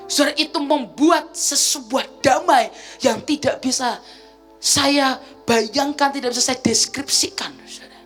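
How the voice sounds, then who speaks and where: Young female evangelist, crisp bright tone, animated sermon delivery with quiet asides, soft music behind. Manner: animated, swings between loud urgent bursts and soft low asides; retells her own talks with others, often addressing the congregation as "saudara". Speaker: evangelist preacher.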